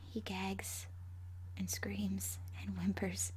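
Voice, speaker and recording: Woman voicing a hushed, haunting, vengeful ghost girl. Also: mid-range voice, little pitch movement, drawn-out words, heavily acted, rough recording. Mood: hushed, menacing. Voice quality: breathy, husky. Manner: hushed, haunting, often dropping into a whisper. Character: gleefully vengeful ghost of a five-year-old girl. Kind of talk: first-person horror story narration.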